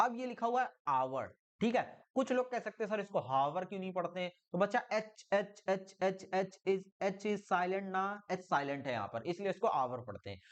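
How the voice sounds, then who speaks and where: A man's voice: sits high, brisk, hardly any pauses. A man with a Hindi accent teaching an English grammar lesson, encouraging students and often checking that they follow. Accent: Indian Hindi. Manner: encouraging, repeats "बहुत बढ़िया" and "ठीक है?" often; lively, sing-song teacher delivery.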